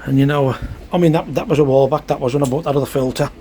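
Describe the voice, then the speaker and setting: Racing through his words, this koi keeper grumbles chattily about his pond pump while filming a casual vlog on his phone in heavy rain. His mid-range voice has a dark tone and fairly even intonation, and faint rain and outdoor ambience can be heard behind him.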